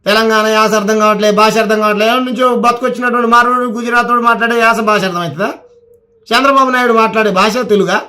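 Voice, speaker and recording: Telangana-accented man, high voice, heated scolding political rant. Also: steady tone, quick pace, pushed and bright. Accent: Telangana Telugu. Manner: heated, scolding, repeats words for emphasis. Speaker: political commentator.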